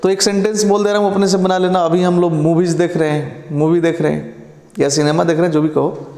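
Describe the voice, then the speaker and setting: A male teacher lectures in a high, measured voice, dwelling on each example sentence. He keeps pausing to ask whether his students have understood. The recording carries a roomy echo with a long reverb tail. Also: level tone, darkish tone. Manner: explains slowly, drawing out example sentences; checks understanding with repeated questions. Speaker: English teacher. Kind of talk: online lecture. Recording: echoey room with long reverb.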